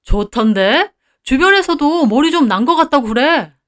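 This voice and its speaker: A woman's voice: high voice, lively intonation, normal speed, fairly bright tone. A chummy male regular client read by a woman. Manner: friendly and familiar. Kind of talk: read-aloud story dialogue.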